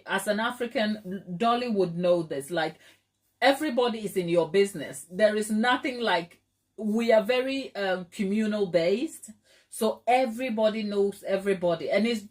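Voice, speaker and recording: A middle-aged Ghanaian woman hosts a live stream, casually reading and chatting about viewer comments, laughing often and using plenty of fillers. Her voice is mid-range with a darkish tone.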